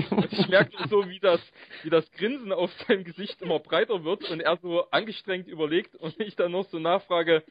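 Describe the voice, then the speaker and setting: Man, podcast host, slightly high voice, measured and hedging, dull lo-fi sound. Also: no echo. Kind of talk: casual podcast chat.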